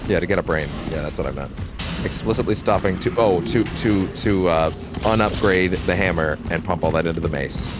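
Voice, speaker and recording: A let's play host with a low voice comments briskly and casually on the game he's playing, music and steady noise in the background. He rambles, restarts often, and swears freely.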